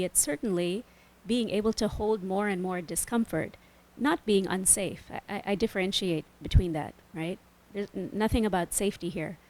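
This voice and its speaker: A woman on a panel at a book launch, answering an audience question in a reflective, measured way. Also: medium pitch, dark tone. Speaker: author on a panel.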